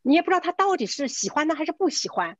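Talking very fast in a high-pitched voice, a middle-aged real estate agent shares a casual anecdote on a video call. She is lively, voices the dialogue herself, and mixes English words into what she says.

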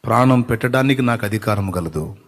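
A man's voice: lowish voice, animated, fairly quick, long reverb tail. A man preaching a sermon as a pastor, exhorting with emphatic repetition.

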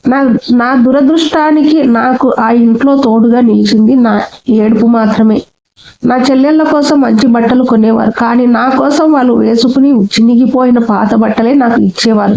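A woman narrating a sad story in the first person, slow and sorrowful. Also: fairly high pitch, steady tone, vocal fry, warm tone, dull audio.

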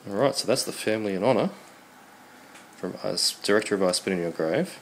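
Indoors at a computer desk, a low-voiced Australian host talks briskly through a casual unboxing on a rough recording with steady background noise. Congested from a cold, he comes across as understated and appreciative.

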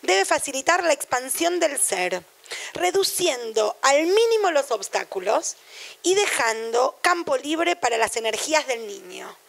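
High, gravelly Rioplatense woman lecturing. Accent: Rioplatense Spanish. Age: middle-aged. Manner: chatty and digressive, with anecdotes and asides. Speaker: lecturer on education. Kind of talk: university lecture.

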